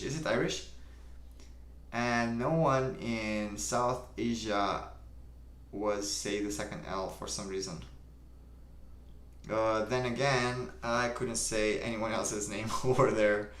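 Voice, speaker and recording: A young man from Romania with a Romanian accent, calmly reading viewer comments aloud and answering them on a live stream. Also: mid-range voice, reverberant. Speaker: livestream host. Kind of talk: casual live-stream chat.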